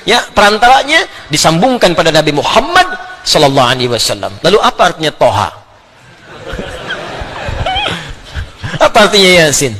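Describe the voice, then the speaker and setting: A middle-aged man giving an animated religious lecture, often laughing and sounding out letters. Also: high-pitched. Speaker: Islamic preacher.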